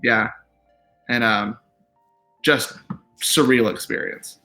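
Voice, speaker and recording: A man with a bright, forceful voice chats about his work in a loose, easygoing way. He rambles, leaning on "like" and "um" as he goes. Faint music sits quietly behind him. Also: mid-range voice, slow pace. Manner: relaxed, rambling, many fillers and "like"s. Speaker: TV writer guest. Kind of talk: casual interview chat.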